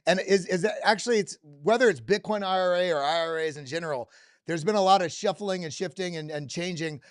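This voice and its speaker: A man's voice: sits high, a little fast, no echo, studio quality. A man hosting an interview, eagerly cutting in and reading out viewer questions. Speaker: host. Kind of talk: casual interview.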